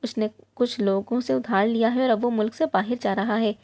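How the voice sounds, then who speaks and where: A woman whose voice is on the high side tells an emotional moral story in the first person, keeping an earnest, steady storytelling tone.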